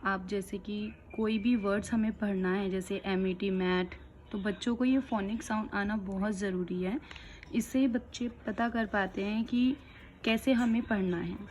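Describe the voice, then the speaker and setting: A woman teaching young children letter sounds, explaining each one slowly and clearly. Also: mid-range voice, fairly even intonation, a little mellow, a little hiss or hum. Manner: slow, clear, patient explaining. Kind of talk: kids' phonics lesson.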